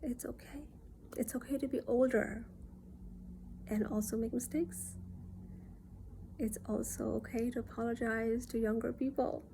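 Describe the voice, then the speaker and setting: A woman from Nepal, talking in an earnest, reassuring monologue that often drops into soft near-whispers. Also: a little high, fairly even intonation, unhurried, creaky, pauses often, slight background noise. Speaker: self-reflection vlogger. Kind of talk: casual reflective monologue.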